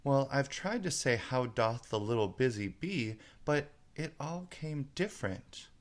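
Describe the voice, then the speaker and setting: Puzzled young storybook girl, played by a man: courteous, earnest, slightly testy, raised pitch. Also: expressive, a little slow, lightly acted. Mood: melancholy. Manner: polite, earnest, explaining. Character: polite, puzzled young girl, a little irritated. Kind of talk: storybook character voice.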